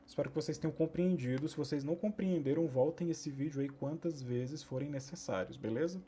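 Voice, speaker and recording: A man, teaching a recorded English lesson to sixth graders, repeating each rule slowly and asking students to pay attention. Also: on the high side, mellow, slight background noise.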